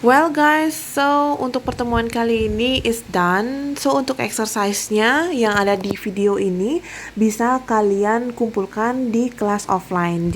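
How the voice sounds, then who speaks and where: A young woman with an Indonesian accent teaches an English grammar lesson. She explains step by step, asks questions and answers them herself, and slips English phrases into her talk. Her voice sits at a middle pitch over a faint hiss of background noise. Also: poor audio. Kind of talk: recorded online grammar lesson.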